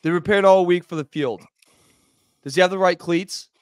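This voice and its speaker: Guy on a sports podcast losing it, high voice, dry mic, swings between mutters and yelling. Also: normal speed, no room sound. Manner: angry, swings loud and quiet, sarcastic. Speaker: podcast co-host. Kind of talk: heated sports podcast rant.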